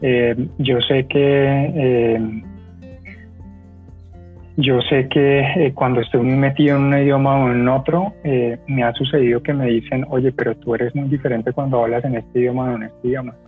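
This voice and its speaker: A man moderating a panel discussion, speaking haltingly with many fillers and restarts. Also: mid-range voice, fairly even intonation, breathy edge, soft background music. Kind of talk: hesitant conversational moderating. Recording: tinny phone-like line.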